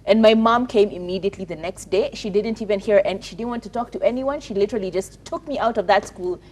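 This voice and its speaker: A woman's voice: mid-range voice, fast, a little mellow, husky. A woman with a Kenyan accent giving personal commentary as a talk show panelist, earnest and emphatic, repeating words and phrases to press her point.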